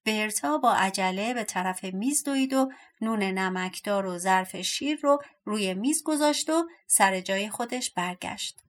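A woman's voice: mid-range voice, a bit bright. Woman reading a fairy tale aloud. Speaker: audiobook narrator. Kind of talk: storybook narration.

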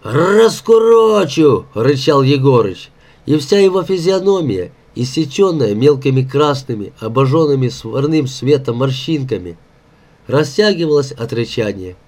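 A man narrating an audiobook in a measured, expressive reading. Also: medium pitch. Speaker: audiobook reader.

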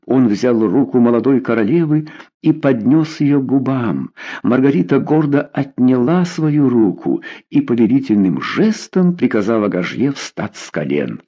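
A man narrating a historical novel aloud, with expressive, theatrical reading. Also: medium pitch, measured pace, dull audio.

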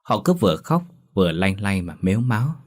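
A man narrating a ghost story in a steady, grave storytelling manner. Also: on the low side, fairly quick.

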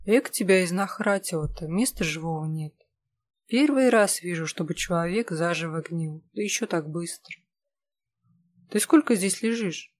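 A narrator voicing a kind old man, a healer who talks quietly and soothingly. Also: mid-range voice, normal speed, close to an everyday voice. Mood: gentle. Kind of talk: audiobook character voice.

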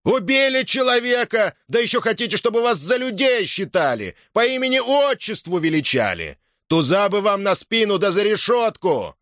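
A man reading an audiobook, voicing an angry rich villager who jeers and shouts from a crowd. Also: high-pitched, big pitch swings, moderate pace, hardly any pauses, no echo, clean studio sound, pitched above the performer's own voice. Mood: jeering. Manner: jeering shouts.

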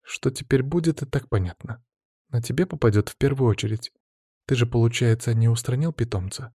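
A caring young healer woman, put on by a male reader, speaking in a soft, higher voice. The recording is close and dry. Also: brisk, no room sound, close to an everyday voice. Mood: worried.

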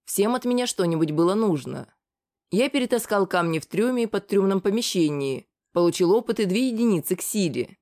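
Female audiobook narrator, even and measured delivery, middle pitch. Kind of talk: scripted narration.

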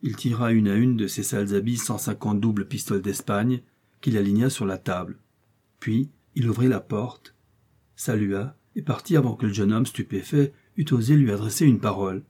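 An audiobook narrator reads a classic novel aloud in a measured, even storytelling style. His voice is fairly low with a breathy edge.

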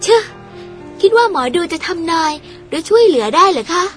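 Woman acting spirited young woman, very high voice, chatty, polite, gossipy, audio drama, faint music. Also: brisk. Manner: lively, polite, gossipy storytelling.

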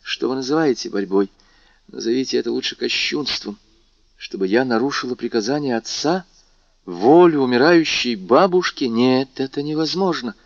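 A man's voice: medium pitch, expressive, normal speed, dry recording, voice pushed up, lightly acted. A pleading, agitated young woman, her voice lifted well above the male reader's own. She sounds torn and distressed, caught between duty and love. The recording is dull and dry, made in a studio.

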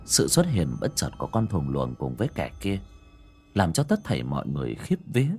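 A man's voice: extremely low pitch, wildly swooping pitch, brisk, a little mellow, faint music behind. A man narrating a village horror story in a dramatic, ominous way.

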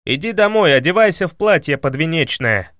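A man voicing a boisterous young hero who declaims high and loud. He blusters with pompous pride, and every line comes out as a bold proclamation. A lively storybook voice, dry and close. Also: moderate pace, no echo. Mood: excited. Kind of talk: audiobook character voice.

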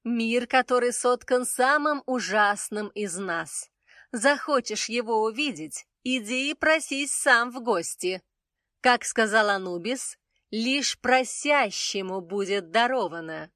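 A man reading an audiobook, voicing a graceful half-panther goddess of beauty who talks in a smooth, dreamy, cool and mysterious way. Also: very high voice, animated, takes it slowly, sharp tone, no echo, clean studio sound, voice pushed up, heavily acted. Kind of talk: audiobook character voice.

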